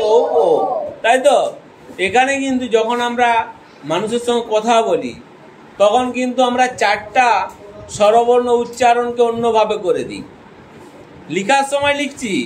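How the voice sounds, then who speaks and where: A man with a very high voice teaches a grammar lesson at an unhurried, measured pace. He explains each point step by step and checks often that his listeners follow. A faint hiss runs under the recording. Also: poor audio.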